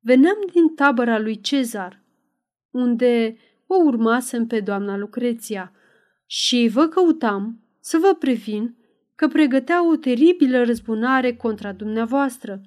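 A woman's voice: fairly high pitch, lively intonation, a little mellow, close to an everyday voice. A woman voicing a wary, earnest old male servant in an audiobook. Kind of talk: audiobook character voice.

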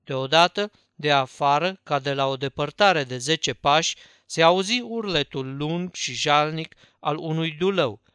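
A man reading a story aloud as an audiobook narrator, with measured storytelling delivery. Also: on the high side, pushed and bright, clean tone, no room sound, studio quality.

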